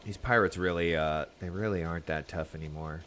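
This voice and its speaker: Low-voiced man chatting over a game. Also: fairly quick, a bit bright. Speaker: game streamer. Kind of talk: casual live gameplay commentary.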